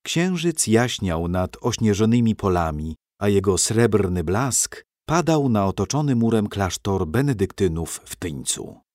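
A man reads a storybook aloud in a low, slow voice that moves freely in pitch. His delivery is measured and expressive. The sound is dry and close. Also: no echo. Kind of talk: scripted storybook narration.

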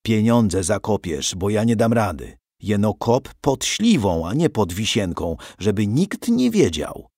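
A man's voice: lowish voice, sing-song, measured pace, darkish tone, slightly rough, no room sound, studio quality, exaggerated voice. A man doing a groaning, stubborn old grandfather. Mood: hushed. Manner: groaning, scolding. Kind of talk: storybook reading.

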